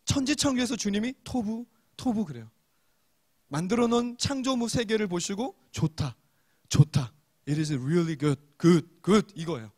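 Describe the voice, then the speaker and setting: A male pastor giving a joking, lively sermon to young adults, acting out quotes with loud exclamations. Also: sits high, a little slow, breathy edge.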